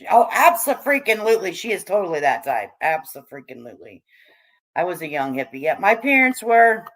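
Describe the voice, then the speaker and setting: Poor audio captures a middle-aged or older American woman, raised among hippies, running a casual livestream where she answers chat with irreverent, salty, slangy commentary. She talks briskly on the slightly low side, her pitch swinging widely.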